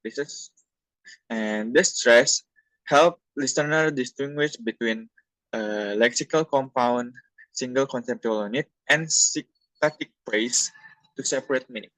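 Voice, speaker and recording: A young man from Indonesia, a university student presenting a class talk from slides in a halting, plain explanatory way. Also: medium pitch, fairly bright tone, dry recording, poor audio.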